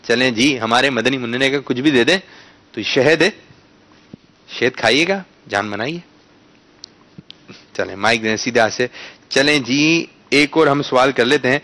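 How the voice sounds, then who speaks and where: Bright-voiced man hosting a kids' quiz. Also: mid-range voice, pauses often. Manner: coaxing, corrects pronunciation patiently; bursts into loud announcements. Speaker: quiz host for children. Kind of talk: studio quiz with children.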